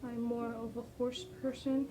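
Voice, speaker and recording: A non-native English speaker sketches and talks loosely for her vlog, pausing a lot, saying um, and being self-deprecating. Her voice is a little high and level in tone, recorded at a distance with background music.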